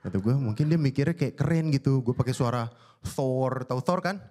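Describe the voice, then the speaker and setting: At normal speed and medium pitch, a young comedian delivers his set to a live audience on stage. He's lively and animated, often jumping into impressions of peculiar voices.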